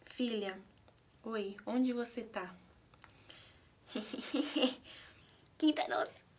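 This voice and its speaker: A woman's voice: a little high, drawn-out words, background noise. A young woman with a Brazilian accent chatting nervously and giggling through a prank video. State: anxious. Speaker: YouTuber pranking her mother. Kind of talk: casual prank vlog chat.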